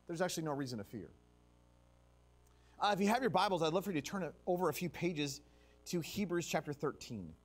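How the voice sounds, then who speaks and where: A man preaching a revival sermon in a church, dropping to a hush and surging up again for emphasis. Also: high-pitched. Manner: animated, drops to a hush and surges up for emphasis. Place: church sanctuary.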